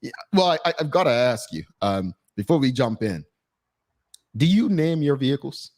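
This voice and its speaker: A man's voice: medium pitch, moderate pace. A man hosts a talk show in a mid-range voice. He talks in an easygoing way, often restarting his sentences and filling gaps with ums. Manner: relaxed, stammering restarts, filler-heavy.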